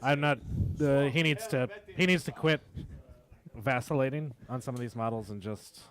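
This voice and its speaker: A man's voice: mid-range voice, normal speed. Man giving casual tabletop-game commentary. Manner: chatty, analytical, laughs easily. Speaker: stream commentator.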